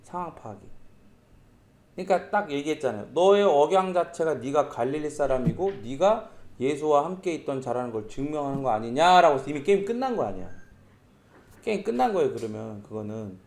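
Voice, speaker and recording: A man preaching a sermon as pastor, speaking lively and acting out quoted lines in voices. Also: a little high, fairly quick. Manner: lively, acts out quoted speech in character voices.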